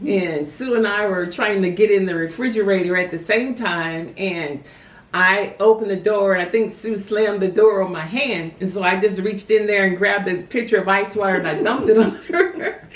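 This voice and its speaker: A woman reflecting on family memories in an interview, telling stories with frequent "you know". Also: fairly low pitch. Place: family home. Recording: roomy sound from a distant mic.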